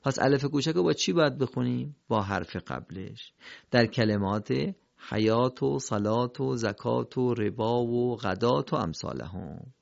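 A man with a gravelly voice leads a recitation lesson, asking questions and answering them himself. His delivery is patient and drilled. The sound is dry and a little dull. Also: mid-range voice, no room sound. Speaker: Quran recitation teacher. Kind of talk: instructional lesson.

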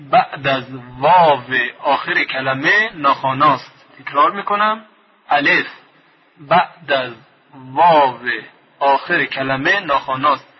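A man teaching Quran reading in a radio lesson, stretching and repeating each example word slowly. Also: fairly high pitch, breathy edge. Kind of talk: slow didactic lesson with drawn-out repeated words. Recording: dull lo-fi radio broadcast.

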